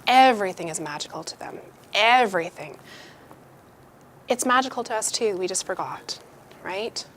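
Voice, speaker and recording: A woman's voice: mid-range voice, animated, moderate pace, fairly bright tone, slight background noise. A woman giving a casual motivational talk to a live group, candid and chatty, swearing freely and acting out the voices of people she quotes. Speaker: workshop speaker.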